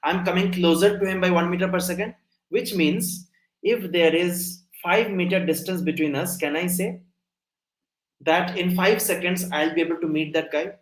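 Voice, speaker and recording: A man's voice: high voice, fairly even intonation, normal speed, echoey room, low-quality recording. A young man giving a live online coding lecture, explaining step by step and often checking whether listeners follow. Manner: explanatory, asks frequent check-in questions. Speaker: coding instructor.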